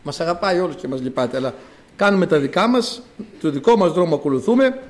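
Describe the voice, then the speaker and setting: A male preacher delivering a sermon. His voice sits high and swings widely in pitch, and he preaches in an emphatic, animated way.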